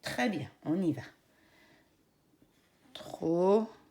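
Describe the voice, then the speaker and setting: With a lowish, mellow, animated voice, a woman teacher with a French accent takes young children through phonics, speaking slowly and encouragingly and spelling out each syllable.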